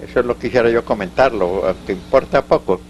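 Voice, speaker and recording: An older Colombian man with a Paisa accent tells local stories in an oral history interview, his medium-pitched voice rambling, halting, and restarting, full of asides. The recording has its highs cut off and a little hiss or hum.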